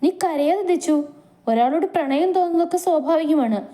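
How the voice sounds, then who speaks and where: Woman reading a soothing, inquisitive older sister for a storybook, soft mellow voice. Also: sits high, brisk, pitched above the performer's own voice, close to an everyday voice. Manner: soothing, questioning. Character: caring older sister, gentle but probing.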